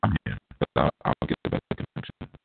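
A man's terse, low voice comes through a phone call that keeps breaking up into glitches. The line is thin and tinny, and the voice sounds far from the mic. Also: quick pace, faint music behind. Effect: glitchy call audio that keeps breaking up. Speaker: caller. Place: calling in remotely.

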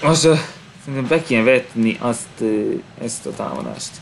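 A man commentating his own game playthrough, calm and hesitant between fights and yelling at the screen during them. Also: mid-range voice, vocal fry, a little hiss or hum. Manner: hesitant with filler pauses when calm. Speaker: gameplay commentator. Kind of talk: let's play commentary.

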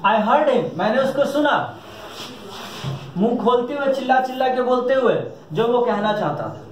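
A man with a very high, animated voice teaches a classroom lesson at a moderate pace, joking around and often pausing to check whether the class has understood. The recording is echoey, captured from a distance in the classroom.

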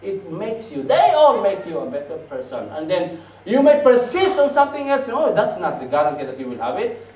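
Pastor telling a story in a sermon, high lively voice, echoey hall, far mic. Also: male voice, normal speed. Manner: animated, swings from loud to hushed. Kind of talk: storytelling sermon, mixing Tagalog and English. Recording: roomy, distant mic, faint noise.

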